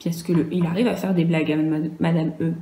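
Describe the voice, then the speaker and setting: A primary school teacher with a French accent patiently spells out sounds and syllables for young children in a virtual class. Her voice is lowish and dark with fairly even intonation, she talks fast, and the room is echoey.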